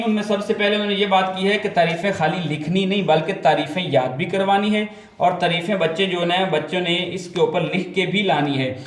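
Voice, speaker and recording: Patient man teaching in an echoey room. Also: high voice. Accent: Pakistani. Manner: patient, repetitive, sounds out letters slowly. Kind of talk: explaining a textbook lesson to parents and tutors.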